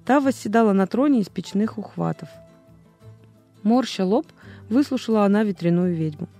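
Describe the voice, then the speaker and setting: Female audiobook reader, expressive storybook narration, mellow voice, light music bed. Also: mid-range voice, moderate pace.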